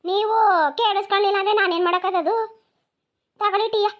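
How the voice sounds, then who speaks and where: A woman voicing a sharp-tongued young village daughter-in-law in a cartoon, with a rural Mysore-region accent, defensive and quick to answer back. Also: very high-pitched, fairly even intonation. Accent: rural Mysore-region Kannada.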